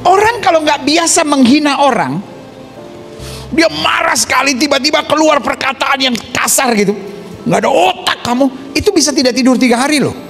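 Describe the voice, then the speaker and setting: Pendeta pria, khotbah penuh gaya, suara tinggi dan naik-turun, musik samar di latar. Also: male voice, very high voice, a little fast, faint music behind. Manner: animated, acts out scenes with put-on voices, asks the congregation questions. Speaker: pastor. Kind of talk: lively sermon.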